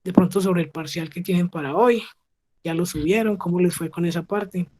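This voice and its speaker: A woman's voice: on the low side, normal speed, mellow. A woman from Colombia teaching an English class online, explaining pronunciation patiently and checking in with the students often. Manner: patient, checks understanding with frequent "¿sí?".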